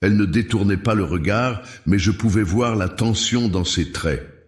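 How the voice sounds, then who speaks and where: A man narrating a dramatic first-person story in a measured, solemn way. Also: on the low side. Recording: roomy echo.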